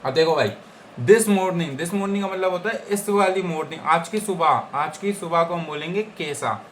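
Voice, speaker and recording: A man's voice: a little high, moderate pace, fairly bright tone. Young male tutor from India, casual and repetitive, keeps asking "okay guys", light background noise. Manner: repeats words and keeps checking understanding with "okay guys?". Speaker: Japanese language teacher.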